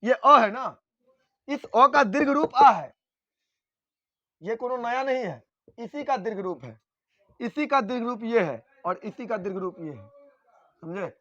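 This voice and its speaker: A man teaching Hindi grammar in a classroom lecture, repeating key points, quizzing his students with questions and sounding out vowels slowly. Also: very high voice, lively intonation, pushed and bright, dry recording, lo-fi sound. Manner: sounds out vowels slowly to show their length.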